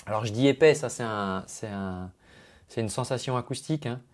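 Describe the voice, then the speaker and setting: Speaking at normal speed in a medium-pitched voice, a man critiques a singer's technique in a chatty, explanatory way. He is a vocal coach using singing jargon and recording into his own microphone at a computer.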